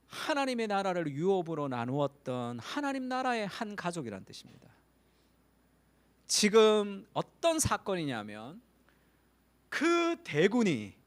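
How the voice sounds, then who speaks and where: Lively high-voiced male pastor preaching. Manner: animated storytelling, acts out quoted voices. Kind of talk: Sunday sermon.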